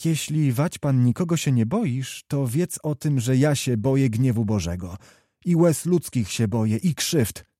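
A man's voice: medium pitch, animated, measured pace, dark tone, dry recording, clean studio sound. A man reading a novel aloud, voicing a proud, principled young noblewoman in a reproachful, earnest way. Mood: stern. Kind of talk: audiobook character reading.

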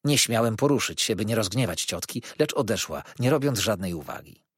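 A man's voice: fairly low pitch, big pitch swings, brisk, husky, no room sound, studio quality. A man reading a novel aloud as an audiobook narrator, telling the story expressively. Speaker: audiobook reader. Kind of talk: scripted narration.

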